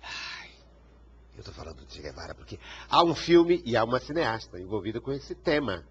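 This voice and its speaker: A man's voice: mid-range voice, very animated, a little fast, breathy edge. A man hosting a TV interview show, introducing and questioning his guest; he rambles and stumbles over repeated words. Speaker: TV talk show host. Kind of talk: TV interview conversation. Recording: dull TV broadcast sound with faint hiss.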